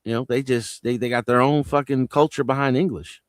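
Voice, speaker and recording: Speaking over a home mic on a video call, this man from New Jersey joins a relaxed livestream panel chat. His mid-range voice is steady and brisk, with no echo. He casually spins loose, profane stories.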